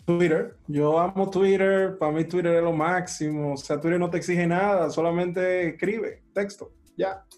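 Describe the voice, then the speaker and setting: A man's voice: sits high, steady tone, normal speed, hardly any pauses, darkish tone, faint music behind. A man with a Dominican accent explaining things casually, in slangy, emphatic phrases that he often repeats. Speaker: content creator.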